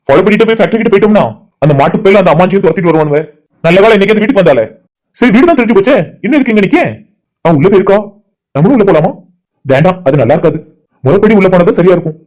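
A man's voice: sits high, expressive, racing, darkish tone. A man voicing a lovestruck young man who talks to himself, anxious and eager. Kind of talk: amateur cartoon voice acting.

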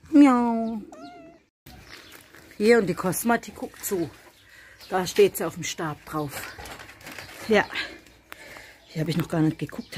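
A woman with a fairly low voice talks casually as she walks through her animal shed with a handheld camera. She chats to the viewer and slips into soft coos for the animals. Faint noise hums behind her. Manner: chatty, talks softly to animals. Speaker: vlogger. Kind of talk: casual vlog narration.

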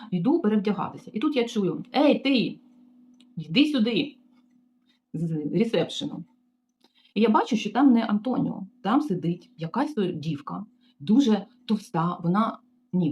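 A woman's voice: on the low side, dull audio, slight background noise. Chatty Ukrainian woman telling a story. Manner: animated, chatty, with frequent fillers and asides to viewers. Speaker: vlogger recounting her job as a hotel maid. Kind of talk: casual storytelling vlog.

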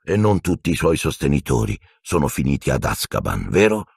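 A man's voice: extremely low pitch, sing-song, creaky, slightly rough, dry recording, clean studio sound, exaggerated voice. A man voicing a bitter escaped prisoner wizard who speaks in a cold, growling, venomous way. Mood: cold menace. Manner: cold, accusing, slow menace.

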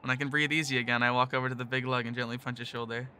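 A man's voice: mid-range voice, little pitch movement, rapid-fire, pushed and bright, slight background noise. A man narrating a visual novel in the first person, in a nervous, self-deprecating tone.

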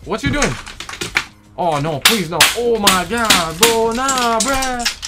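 Young guy doing reaction commentary, super animated, slangy, says stuff twice, music playing behind him. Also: very high-pitched, slow pace. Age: young adult. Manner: slangy, exclamatory, repeats phrases. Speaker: reaction video host. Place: home room with green screen.

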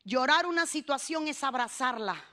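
A woman's voice: high-pitched, lively intonation, normal speed, sharp tone. A woman pastor preaching a sermon with rising fervor, calling the congregation to repeat after her.

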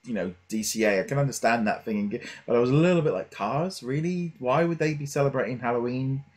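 With a medium-pitched voice and quick pace, this middle-aged podcast host wears a headset in a small shelved room at home. He talks casually, hesitant and meandering as he works through his thoughts out loud.

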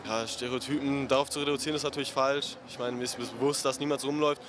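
A young man answering a street interview outdoors, relaxed and matter-of-fact. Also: mid-range voice, fast talker, noisy background. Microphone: handheld interviewer mic.

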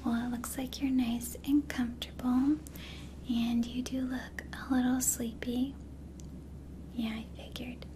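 Woman acting a slow whispering flight attendant, whispered role-play. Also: on the high side, flat delivery, a little hiss or hum, natural voice. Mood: soothing. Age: young adult. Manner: soft, slow, soothing whisper. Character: attentive, gentle female flight attendant soothing a passenger. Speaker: ASMR performer.

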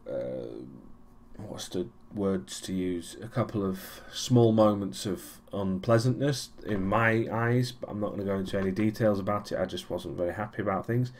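A man's voice: on the low side, normal speed, darkish tone, slight background noise. A young man giving a casual weekly vlog recap, rambling with many ums and restarts and a dry, sarcastic streak. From Europe. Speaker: vlogger.

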